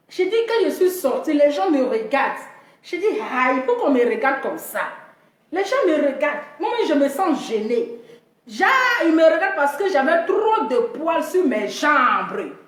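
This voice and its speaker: A woman from Africa telling a comic story about herself, animated, jumping into high squealing voices when she mimics other people. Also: unhurried, roomy sound.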